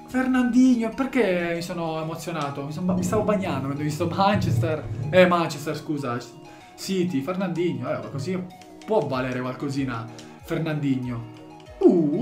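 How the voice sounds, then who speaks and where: A man commentating as he opens game packs, swinging from shouted excitement to low muttering. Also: normal speed, echoey room, music in the background. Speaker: gaming YouTuber opening packs.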